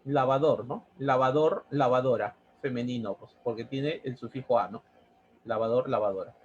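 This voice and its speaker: A man's voice: mid-range voice, fairly even intonation, normal speed, breathy edge, muffled recording. A man teaching a grammar lesson, who repeats words and checks in with a questioning "¿no?". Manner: explains step by step, repeating words and asking "¿no?".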